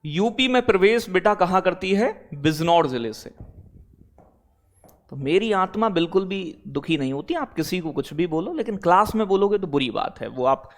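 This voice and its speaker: A man's voice: high-pitched, lively intonation, moderate pace. A man from teaching an exam-prep class online, chatty and blunt, calling students "beta" and "bhai" and asking "theek hai?" again and again. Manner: digresses into blunt talk, then back to teaching.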